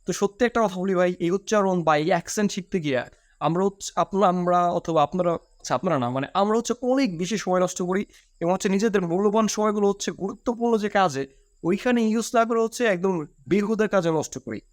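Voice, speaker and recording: A man's voice: high-pitched, fairly quick, dry recording, studio quality. A man, giving a chatty spoken lesson as an English teacher and correcting himself as he goes. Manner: chatty, self-correcting, addresses listener as brother. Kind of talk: casual spoken lesson to camera.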